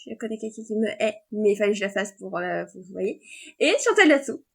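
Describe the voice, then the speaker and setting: A woman vlogger in casual chat, running through entertainment announcements with excitable fan chatter that trails off and restarts. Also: medium pitch, fast, vocal fry, slightly rough. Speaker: vlogger sharing entertainment news.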